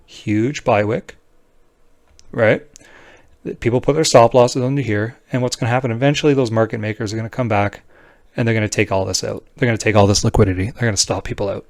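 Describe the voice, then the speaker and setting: A man with a mid-pitched voice talks through a tutorial off the cuff. He is informal and blunt, checking in often with a short "right?" The sound is dry, with no room around it. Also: darkish tone, no echo. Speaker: trading tutorial presenter. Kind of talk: casual screen-share tutorial, unscripted explanation.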